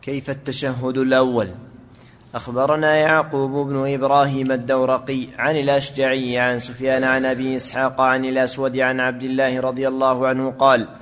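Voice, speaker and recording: A man reads hadith chains aloud in a steady, measured recitation. His pitch stays flat and even. A long hall reverb trails each phrase. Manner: steady measured reading, invokes blessings on the teacher. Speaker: student reading the text aloud.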